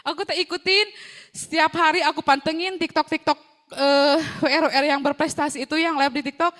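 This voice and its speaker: High-voiced woman, chatty. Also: steady tone, brisk, a bit bright. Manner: chatty, devout, mixes in religious phrases. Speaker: seller sharing a success story. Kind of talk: personal testimonial.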